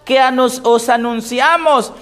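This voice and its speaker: High-voiced preaching man, call-and-response. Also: unhurried. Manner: swings between raised emphatic reading and low, quiet asides. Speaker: pastor. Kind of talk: sermon.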